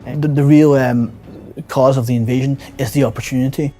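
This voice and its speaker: A man giving unscripted expert commentary in a documentary interview, with halting, hesitant phrasing. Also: medium pitch, steady tone, dark tone, soft background music.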